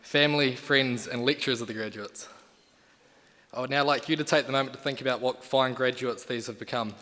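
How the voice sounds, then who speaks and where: A man's voice: mid-range voice, fairly even intonation, brisk, bright, forceful tone. A young man gives a podium speech as a student leader, formal with colloquial asides. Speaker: student association president. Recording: reverberant hall, amplified speech.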